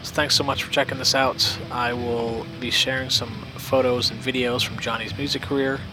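A man's voice: mid-range voice, little pitch movement, moderate pace. A man hosting a podcast, reading an upbeat scripted introduction over music. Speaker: podcast host.

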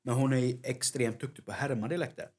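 A man's voice: medium pitch, fairly even intonation, a little mellow. A man with a Jönköping Swedish accent, co-hosting a podcast in casual chat and animatedly mimicking other dialects. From Jönköping, Sweden. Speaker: podcast co-host.

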